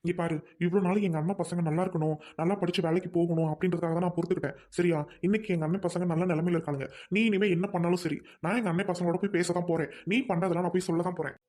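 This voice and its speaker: A woman doing a fast-talking weary husband. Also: on the low side, steady tone, darkish tone, natural voice. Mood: reproachful. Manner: fast, earnest, reproachful. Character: patient middle-aged husband, weary and pleading.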